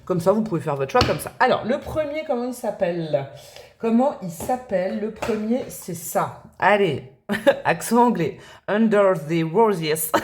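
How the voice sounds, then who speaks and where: A woman's voice: on the low side, a little mellow. A woman hosting a tarot reading to camera, chatting in a rambling way and laughing at herself. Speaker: tarot reader and channel host.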